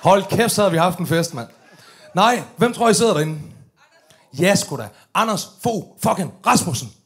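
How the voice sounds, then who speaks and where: Gravelly high-voiced Danish man telling stories on stage. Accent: Danish, Aalborg. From Denmark. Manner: animated, swearing, loud outbursts, acted-out quotes. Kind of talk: live stage storytelling. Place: large tent venue, live audience.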